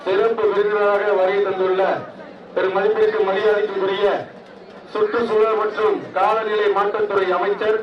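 A man with a very high, strained voice calls out over a loudspeaker at an outdoor arena. His words bounce around with heavy echo and come from far away through a dull, muffled sound. Behind him, a large crowd roars without a break. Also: moderate pace. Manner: excited cheering mixed with formal honorific announcements. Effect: loudspeaker public address. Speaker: event announcer. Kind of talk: live event announcing over a loudspeaker.

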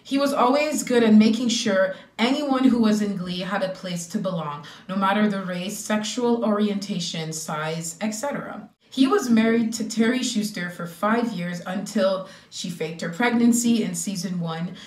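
Young woman, vlogger, blunt animated rant, mid pitch, room echo. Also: normal speed, hardly any pauses, recorded from a distance. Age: young adult. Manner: blunt, laughing, animated ranting. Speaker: YouTuber. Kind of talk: casual rant video.

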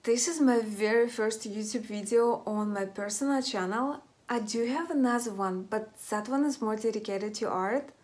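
Speaking at normal speed with hardly any pauses, a young woman presents a makeup tutorial as a beauty vlogger. Her voice sits on the high side with a darkish tone, carrying the Russian accent of a native Russian speaker, and background music accompanies her.

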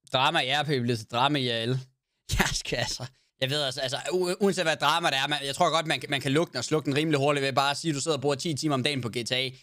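A man's voice: mid-range voice, pushed and bright, dry recording. A man streaming a game, chatting casually to his viewers in a rambling way and swearing now and then. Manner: rambling, swears, talks to chat. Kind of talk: casual live-stream chat.

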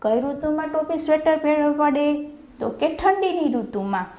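A woman with a high, animated voice and a Gujarati accent teaches young children at normal speed, asking questions and answering them herself while drawing out the answer words as in dictation. She is a primary school teacher, and the lo-fi recording has a roomy sound.

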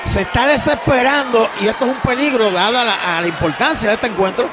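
A man with a Puerto Rican accent giving partisan wrestling commentary, emphatic, with drawn-out, repeated exclamations. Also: very high voice. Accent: Puerto Rican Spanish. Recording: noisy arena with crowd behind. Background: crowd noise.

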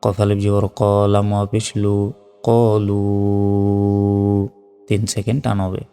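Calm, deep-voiced male Quran teacher. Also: vocal fry, long reverb tail, soft background music. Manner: spells out letters and vowels, then chants the words slowly. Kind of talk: step-by-step recitation lesson.

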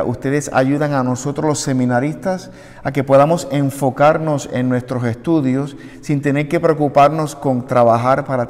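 A Puerto Rican deacon and seminarian in his thirties stands at a lectern in a small wood-panelled chapel, earnestly delivering a prepared appeal to the congregation. His medium-pitched voice has a darkish tone, with the long echoing reverb of a hard-walled room.

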